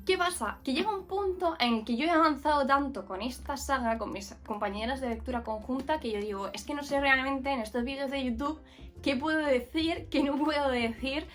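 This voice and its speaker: A woman's voice: high-pitched, moderate pace, a bit bright, soft background music. A woman from Murcia, giving a casual, frank book review with many fillers and restarts. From Murcia, Spain. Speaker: book vlogger.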